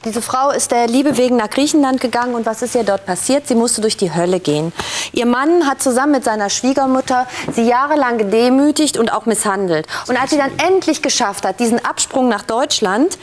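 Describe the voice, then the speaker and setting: A woman's voice: a little high, a little fast, a little hiss or hum. A woman in her forties speaking as a defence lawyer, delivering an emphatic, persuasive plea to the court. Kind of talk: formal courtroom closing plea. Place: indoor TV studio courtroom.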